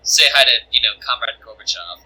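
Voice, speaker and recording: A man's voice: medium pitch, expressive, brisk, bright, forceful tone, husky, poor audio. A man playing a tabletop game, talking casually, joking and swearing freely. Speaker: player.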